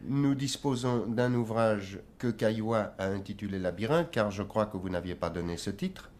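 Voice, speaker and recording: A man's voice: fairly low pitch, lively intonation, a little mellow. Formal French radio interviewer, man. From France. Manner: formal, measured, reads prepared introduction.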